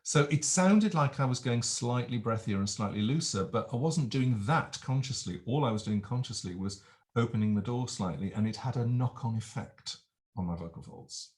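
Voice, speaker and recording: Vocal coach, male, mid-pitched, patient explainer walking through demos. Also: animated, normal speed. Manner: explanatory, demonstrates sounds with nose pinch. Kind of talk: vocal demonstration lesson.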